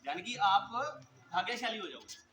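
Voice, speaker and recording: Speaking at a normal speed with a high voice and lively intonation, a male coaching teacher addresses students directly in an earnest motivational speech full of stories. The school event hall has an audience, and the recording picks up echo and noisy ambience.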